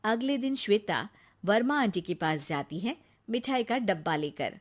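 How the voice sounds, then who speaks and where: A woman's voice: mid-range voice, expressive, normal speed. Woman narrating a bedtime story.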